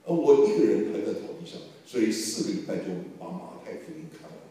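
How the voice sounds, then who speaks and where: A man's voice: medium pitch, fast talker, far from the mic. Older man preaching in an echoey hall. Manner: animated storyteller, mimics voices, bursts of emphasis. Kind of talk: sermon testimony storytelling.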